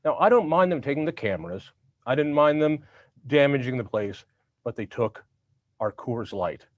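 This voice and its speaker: A man hosts a show in a casual, joking style. His words slur as though part of his mouth is numb. The pitch is average for a man, and the sound is dry and somewhat dull. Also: expressive, moderate pace, no echo. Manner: slurred speech, as with a half-numb mouth. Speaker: host, institute president. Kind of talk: casual humorous show introduction. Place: online video call show.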